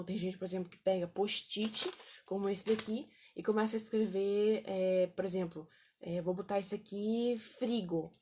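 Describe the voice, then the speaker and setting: A woman's voice: mid-range voice, a little mellow, husky. A woman, casually teaching on a live stream, chatty, with lots of fillers and checks with her viewers. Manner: greets viewers by name between points.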